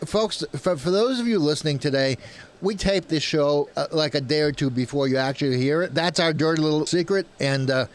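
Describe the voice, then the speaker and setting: High-voiced, teasing male radio host. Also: a little fast. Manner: jokey, teasing, laughs often. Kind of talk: casual radio interview.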